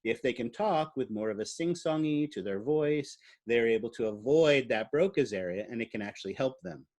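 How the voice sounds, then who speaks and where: A man's voice: medium pitch, lively intonation, normal speed, darkish tone. A man giving a biology lecture in a classroom. He explains at an easy, conversational pace, uses fillers like "uh," and puts questions to the students.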